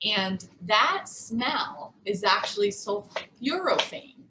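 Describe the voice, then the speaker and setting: A woman nutrition coach in a casual cooking demo, chatty and quick to laugh, with lots of "like" in her talk. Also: medium pitch, very animated, noisy background. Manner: chatty, laughs often, says "like" a lot. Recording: echoey room.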